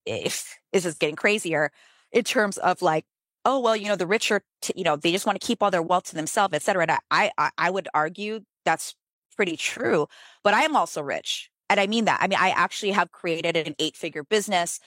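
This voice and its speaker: Brief: middle-aged American businesswoman, low voice, animated and chatty, dry close sound. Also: brisk, no echo. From United States. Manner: animated, filler-heavy, emphatic pitch jumps. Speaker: guest, business author. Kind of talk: casual conversational interview.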